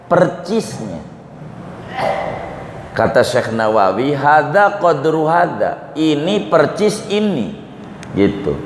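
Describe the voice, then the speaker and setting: A man's voice: fairly low pitch, a little mellow, slight background noise. A male religious teacher, giving an Islamic study lecture. He explains Arabic terms step by step and quizzes his audience. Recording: echoey hall with faint ambience.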